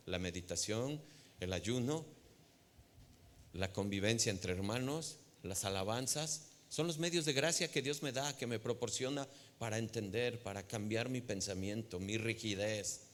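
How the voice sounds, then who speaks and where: Mexican preacher in a reverberant church hall. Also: male voice, lowish voice, slight background noise. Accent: Mexican Spanish. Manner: preaching and teaching, asking the congregation questions. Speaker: pastor. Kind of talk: sermon.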